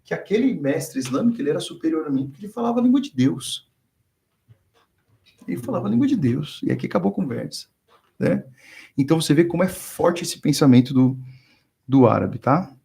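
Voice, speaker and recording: Brazilian man telling a lively story. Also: a little high, a little fast, creaky, pauses often. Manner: storytelling, acts out quoted dialogue. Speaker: guest speaker on theology. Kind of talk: conversational teaching.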